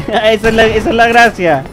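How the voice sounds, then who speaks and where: A young man with a Chilean Spanish accent, doing excitable, swearing co-op game commentary. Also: high-pitched, normal speed. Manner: excitable, swearing, yelling at his partner. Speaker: gamer. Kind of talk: co-op let's play commentary. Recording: game music behind.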